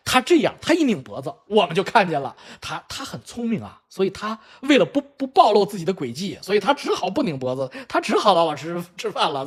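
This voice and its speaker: A middle-aged man telling family stories in a casual livestream chat, peppered with swearing and laughter. His voice is husky and a bit rough, and it swoops up and down with lively energy. He talks in a quick, rushing stream. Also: fairly high pitch. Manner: animated storytelling with crude swearing and laughter; acts out children's voices in quoted lines. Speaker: livestream host. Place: home in Vancouver.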